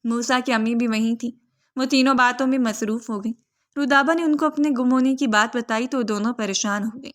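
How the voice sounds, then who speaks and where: Woman narrator, scripted storybook reading, steady, fairly high voice.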